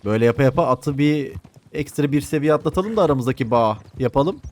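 A man's voice: medium pitch, lively intonation, quick pace, a little mellow. A man giving casual gameplay commentary, chatty and joking, swearing playfully and talking back to game characters. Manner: soothing coos to a horse. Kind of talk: casual Let's Play commentary.

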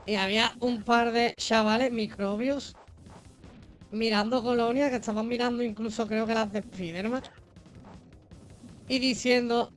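A woman with an accent from Spain streams a video game over its music, chatting casually in slangy, joking, foul-mouthed talk. Her voice is fairly high and steady. She speaks at a measured pace with long pauses.

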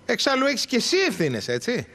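High-pitched, excitable school director, melodramatic and bossy. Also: male voice, big-room sound, exaggerated voice. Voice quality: theatrical, flustered. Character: panicky fussy male school director, dramatic. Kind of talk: dubbed TV drama.

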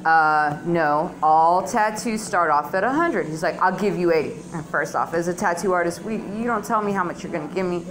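A middle-aged woman does a stand-up routine at an open mic on a small, dim indoor comedy club stage, telling crude, slangy stories conversationally. She speaks at a moderate pace with few pauses in a fairly low voice. Her handheld stage mic is filmed on a phone from close below, and the recording is rough.

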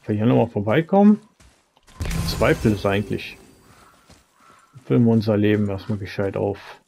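A man's voice: fairly low pitch, lively intonation, normal speed, creaky, mellow, slight background noise. A man giving casual commentary as he plays through a video game. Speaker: let's player.

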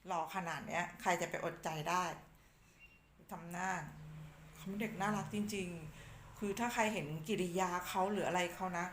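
A woman chatting in a casual vlog, talking gently to her cats in a soft coaxing baby voice and to her viewers, polite and apologetic throughout. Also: lowish voice, normal speed. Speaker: cat caretaker. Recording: noisy home recording with cats meowing. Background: cats meowing.

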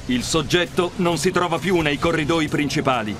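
A man's voice: a little high, moderate pace, music in the background. An actor voicing a stern male security officer giving clipped orders over a radio call to all units in a video game. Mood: commanding. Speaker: guard alert broadcast.

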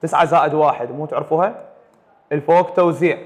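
A man's voice: fairly high pitch, quick pace, long reverb tail. A man with an Iraqi Arabic accent teaching a math lecture, firing questions at his students and repeating them for the class to answer. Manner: quizzes students with repeated call-and-response questions.

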